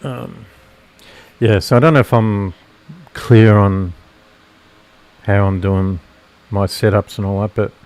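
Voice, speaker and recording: A man's voice: lowish voice, fairly even intonation, slow, a little mellow. A man with a nasal voice giving casual live commentary on futures trades, rambling and correcting himself as he explains his setups.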